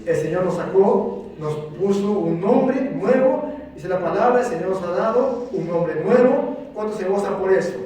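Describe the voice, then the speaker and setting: A man's voice: high-pitched, expressive, moderate pace, a crowd in the background. A man preaching a sermon to his congregation, speaking fervently and asking them questions. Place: church sanctuary. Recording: very echoey church, mic at a distance.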